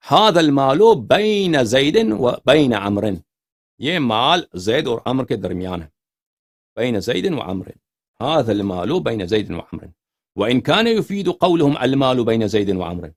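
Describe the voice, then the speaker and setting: A religious lecturer with a mid-range male voice explains scripture emphatically. He recites quoted passages slowly, repeats key words, and poses rhetorical questions to his audience.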